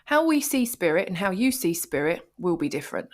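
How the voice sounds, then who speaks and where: A woman's voice: on the low side, a little fast. Playful British woman leading a chat. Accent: British English. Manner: lively, playful, asks questions. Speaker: podcast co-host. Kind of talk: casual chat, leading the conversation.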